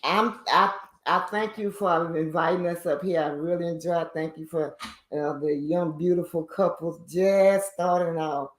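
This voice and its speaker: A woman's voice: lowish voice, fairly even intonation, measured pace, a little hiss or hum. Older woman, guest, rambling and chuckling, echoey room sound. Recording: roomy echo.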